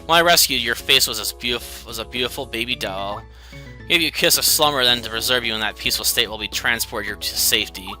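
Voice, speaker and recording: A man's voice: medium pitch, quick pace, pushed and bright, soft background music. A man voicing a seductive female pixie succubus who talks in a formal, theatrical way. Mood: sly.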